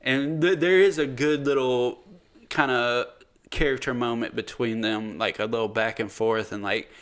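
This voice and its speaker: A man's voice: mid-range voice, fairly even intonation, moderate pace, a bit bright, clean tone. A man co-hosting a podcast, chatting casually about a movie, rambling and trailing off with frequent laughs. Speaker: podcast co-host. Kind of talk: casual movie review chat.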